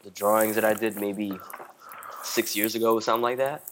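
A man talking as a podcast guest in a relaxed, loose ramble. His voice sits a bit low. He leans on "like" constantly, restarts his sentences and swears casually. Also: brisk, background noise. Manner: rambling, heavy use of "like" and restarts. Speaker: guest artist.

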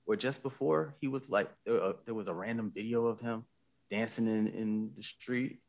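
Low gravelly man in earnest talk. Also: moderate pace, a little mellow. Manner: reflective, earnest, many restarts. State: choked up with emotion. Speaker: podcast co-host. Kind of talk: casual conversation.

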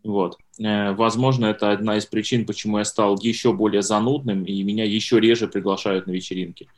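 A man's voice: on the low side, flat delivery, a little fast. Rambling man in his thirties hosting. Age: 30s. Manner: rambling, self-deprecating, many fillers and restarts. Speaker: podcast host. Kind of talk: casual interview chat.

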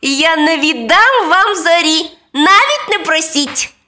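A woman voicing a mischievous little male imp in a children's storybook, yelling shrilly and defiantly. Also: very high-pitched, animated, slow pace, pitched above the performer's own voice, exaggerated voice.

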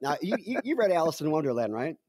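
A man's voice: a little high, big pitch swings, fast talker, a little mellow, no room sound. Man, scientist co-host, wry explanatory chat, dry video-call sound. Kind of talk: casual chat.

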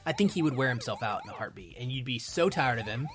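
A man in his thirties or forties, a guest on a podcast, talks casually but analytically and emphatically about his film opinions. His mid-range voice is fast with lively intonation, and music plays in the background.

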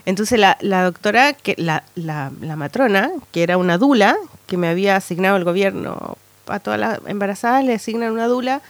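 A woman in her thirties with a Chilean accent, telling a story in animated casual chat as a podcast co-host. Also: mid-range voice, a little fast, no room sound. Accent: Chilean Spanish. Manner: animated storytelling with lots of slang tags.

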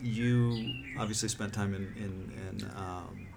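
A man's voice: lowish voice, steady tone, slow pace, creaky. A man hosting a podcast in casual chat on an outdoor deck, hesitant with many fillers and restarts. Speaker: podcast host. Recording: background noise outdoors.

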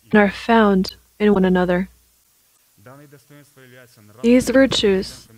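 A woman delivering formal prayer and sermon in a solemn, measured, reverent manner. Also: mid-range voice, darkish tone, rough recording.

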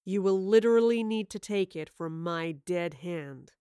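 A woman voicing a spiteful, exhausted male villain who sneers and taunts in a slow, contemptuous drawl. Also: lowish voice, mellow, clear, resonant tone, no room sound, clean studio sound, natural voice. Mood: bitter.

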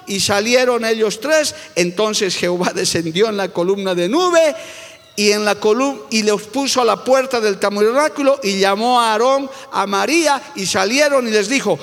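Bolivian-accented male pastor, high-pitched, preaching emphatically, reverb of a church hall. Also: a bit bright. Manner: emphatic preaching, constantly calls listeners "brother". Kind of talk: sermon.

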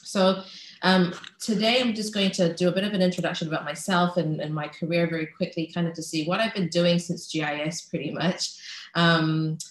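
Talking a little fast in a steady tone on the low side, a heavily pregnant Malaysian-born woman raised in New Zealand chats as a guest speaker on a video call. She is in her thirties and restarts often between ums. The room is echoey and the recording low quality.

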